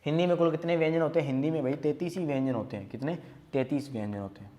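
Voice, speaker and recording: A man's voice: a little high, rapid-fire, dark tone. A young man teaching a grammar lesson, going through quiz questions and repeating each question before answering it himself. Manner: asks questions and answers them himself, repeating key terms.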